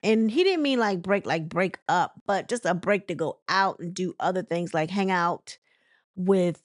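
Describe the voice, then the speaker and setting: A woman's voice: fairly low pitch, a little slow, dry recording, clean studio sound. A woman chatting casually about celebrity gossip, rambling with lots of fillers and restarts. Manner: chatty and conversational. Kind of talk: casual commentary.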